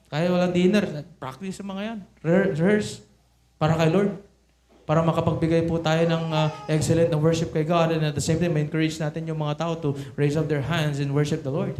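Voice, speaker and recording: A man preaches a sermon that mixes Tagalog and English, and his voice sits high for a man. He keeps turning to the congregation with rhetorical questions. The recording is echoey, as if captured in a church sanctuary. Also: darkish tone.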